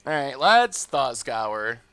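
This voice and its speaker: With a medium pitch that swings widely, a man speaks slowly in a slightly bright, clear and resonant tone. He's live-streaming a card game, cheerfully narrating moves and answering messages from chat. No room sound is audible.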